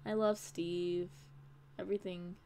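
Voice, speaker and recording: A woman's voice: fairly low pitch, little pitch movement, a little slow, dark tone, a little hiss or hum. A young woman streaming live, chatting casually and reading her chat aloud in a bubbly, rambling, giggly way. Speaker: audio creator streaming live.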